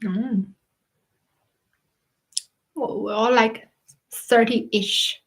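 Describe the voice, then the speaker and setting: Woman in her thirties, livestream chat, slightly high voice, unhurried, halting. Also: fairly even intonation, rough recording. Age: 30s. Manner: chatty, answering viewers' questions; halting, searching for words. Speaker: livestream host. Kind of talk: casual live-stream chat.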